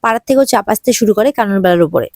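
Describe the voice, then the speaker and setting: A woman's voice: medium pitch, animated, fast talker, darkish tone, no echo, studio quality. Chatty woman retelling a drama episode. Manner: chatty, with restarts and fillers. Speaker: serial recap narrator.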